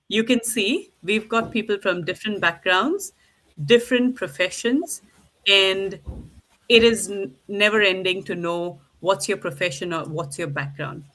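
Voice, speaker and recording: Bright upbeat woman hosting a panel. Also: fairly low pitch. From India. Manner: upbeat, keeps calling things lovely. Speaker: host of online panel. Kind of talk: live-streamed group discussion.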